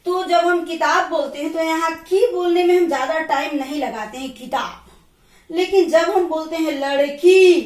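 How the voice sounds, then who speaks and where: A woman teacher giving a slow grammar lesson, repeating and counting points aloud. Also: sits high, recorded from a distance. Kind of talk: classroom lesson. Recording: echoey room, voice from off the mic.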